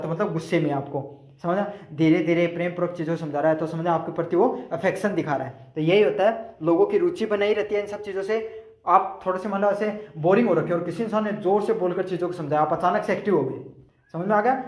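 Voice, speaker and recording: A high-voiced man with a somewhat dark tone tutors students through exam questions, and the sound is roomy. Explaining the multiple-choice answers, he questions himself aloud, answers, and reworded restates each point.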